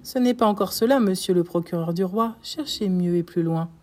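A woman's voice: lowish voice, darkish tone, natural voice. Woman reading a cold, vengeful count. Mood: taunting. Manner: measured, solemn pronouncements. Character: vengeful disguised male count, cold and implacable. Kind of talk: audiobook reading.

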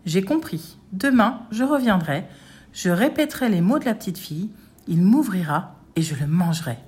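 A woman voicing a huge greedy male ogre in a read-aloud folk tale, loud and pushy. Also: medium pitch, expressive, moderate pace, close to an everyday voice. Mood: scheming.

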